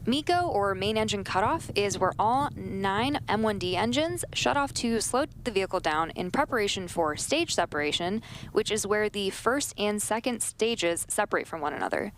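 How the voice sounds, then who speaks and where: A woman's voice: medium pitch, lively intonation, moderate pace, hardly any pauses. Woman commentating a launch, faint noise. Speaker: launch webcast host. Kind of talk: explanatory live launch commentary.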